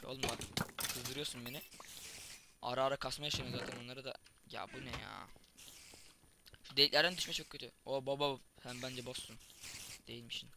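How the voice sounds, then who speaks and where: A man giving excitable gameplay commentary, swearing and joking at the enemies. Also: medium pitch, background noise. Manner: excitable, swearing, mock-sportscaster asides. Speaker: gaming YouTuber.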